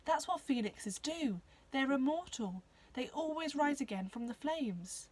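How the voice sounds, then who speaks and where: A woman's voice: high voice, animated, measured pace, pitched above the performer's own voice. Bixer, a woman playing a fierce hoofed alien girl. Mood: urgent. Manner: urgent, persuasive. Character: brave determined young female alien creature with hooves.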